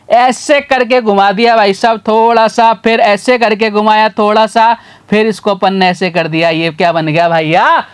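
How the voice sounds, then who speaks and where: A man teaching a literacy lesson in a folksy, repetitive call-and-response way. He sounds out syllables slowly and calls his learners brother and sir. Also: high-pitched, clean tone. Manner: slow, sounds out syllables one by one.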